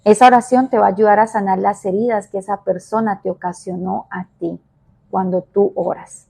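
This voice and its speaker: A woman evangelist giving a devotional sermon, emphatic and repetitive, moving between soft and raised delivery. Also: mid-range voice, steady tone, moderate pace, gravelly, slightly rough.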